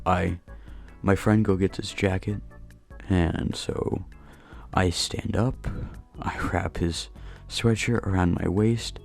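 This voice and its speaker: Hushed low gravelly young man. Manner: hushed, keeping voice down at night. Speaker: YouTuber telling a story. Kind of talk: casual storytime. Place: dark bedroom at home. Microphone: new home mic.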